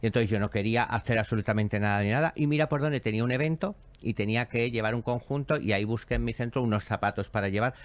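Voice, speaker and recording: Hombre expresivo narrando anécdotas con teatralidad. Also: male voice, mid-range voice, fast talker, hardly any pauses, dry recording. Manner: expressive, theatrical storyteller who acts out quoted voices. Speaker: show host, spiritual medium. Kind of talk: animated storytelling chat.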